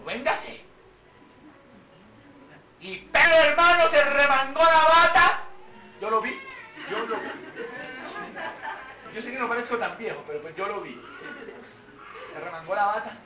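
A high-pitched, sharply bright male preacher, delivering an animated sermon full of rhetorical questions. He sounds distant from the microphone in a roomy, echoing church hall. The recording is dull and lo-fi, with a faint hiss underneath.

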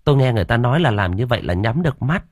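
A man voicing a timid middle-aged village woman at a wake, who speaks hesitantly and gently. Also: medium pitch, sing-song, very fast, no room sound, clean studio sound, pitched above the performer's own voice.

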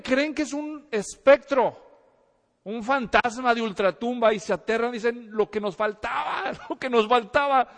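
A man preaching a sermon, telling a story in a lively way, acting out the voices and asking the congregation questions. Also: extremely high pitch. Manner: animated storytelling, acts out voices, asks the audience questions. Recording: reverberant hall.

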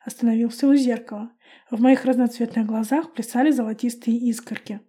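A woman calmly narrating a first-person audiobook. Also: on the high side, a little fast, husky.

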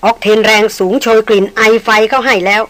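A woman narrating a novel as an audiobook in a steady, measured way. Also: mid-range voice, dry recording, rough recording. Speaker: audiobook reader.

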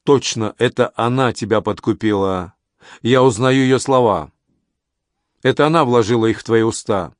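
Man doing cold irritable tyrant king, curt orders, mid-pitched male voice, dry sound. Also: normal speed, no echo, lightly acted. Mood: harsh. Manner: curt, clipped, irritated muttering. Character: irritable, contemptuous male king, ancient ruler. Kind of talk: audiobook character reading.

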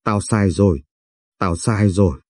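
Man reading teary young woman blaming herself, mellow husky voice. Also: low-pitched, measured pace, dry recording, studio quality. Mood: tearful. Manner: pleading, self-blaming. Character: tearful, guilt-ridden young woman. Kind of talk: audiobook reading.

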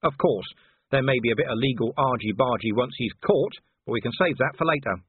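A man's voice: mid-range voice, a little fast, slightly rough, dry recording. A man playing a stern, officious watch captain. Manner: officious, territorial. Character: stern middle-aged male city watch captain. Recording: tinny phone-like audio.

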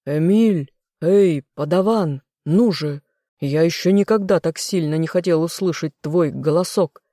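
A woman's voice: on the low side, a little slow, mellow, no echo, studio quality. A woman voicing a bold, restless man, the heroine's lover, who teases and gives urgent orders in an audiobook reading. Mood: teasing.

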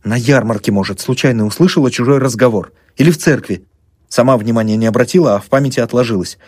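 A man voicing a young doctor who speaks in a measured, clipped way in an audiobook. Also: mid-range voice, a little mellow, dry recording, clean studio sound, pitched above the performer's own voice, close to an everyday voice. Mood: tense. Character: young doctor, tense but steady man.

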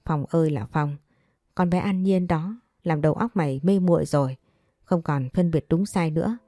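Woman reader doing a pushy, scolding storybook mother; low, dark, dry, faint music. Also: moderate pace, no room sound. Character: stern scheming middle-aged mother scolding her son.

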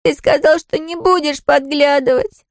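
A man's voice: very high-pitched, expressive, unhurried, no echo, studio quality, pitched above the performer's own voice, full character voice. A man putting on a whiny little girl. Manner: whiny, pleading. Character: small tearful girl with a broken leg.

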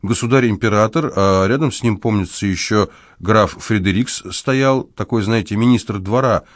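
A man's voice: lowish voice, normal speed, no room sound, clean studio sound, natural voice. A man voicing a confident young con man who talks in a breezy, joking way. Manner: breezy, good-humored, mock-serious. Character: smooth confident young male swindler, playful.

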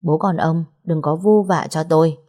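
A woman's voice: sits low, steady tone, normal speed, mellow. A woman voicing a cold, haughty older mother-in-law in a story, speaking dismissively. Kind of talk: audiobook character reading.

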